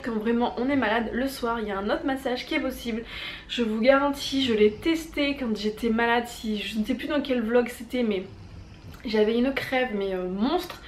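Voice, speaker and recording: A woman vlogger giving a casual home-remedy tutorial, chatty and hesitant, with lots of fillers and restarts. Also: fairly high pitch. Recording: echoey room with faint background hum.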